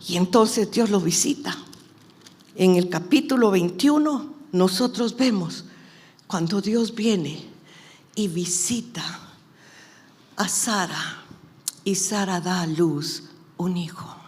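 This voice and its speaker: A woman preaches at an unhurried pace, letting her words land one at a time. She drops to a near whisper for the story, then climbs into loud, shouted declarations, with her own testimony woven in. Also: medium pitch. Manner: swings from hushed whispers to shouting; personal testimony. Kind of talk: sermon.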